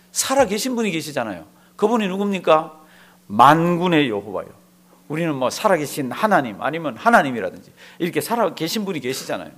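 A male pastor preaching a sermon to a congregation in a church, animated and full of rhetorical questions. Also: fairly high pitch. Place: church before a live congregation.

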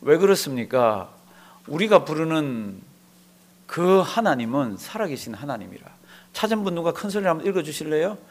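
A male pastor preaches to a live congregation in a church, his voice sitting somewhat high. His pitch swings widely as he throws rhetorical questions at the listeners. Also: sing-song, moderate pace. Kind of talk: sermon.

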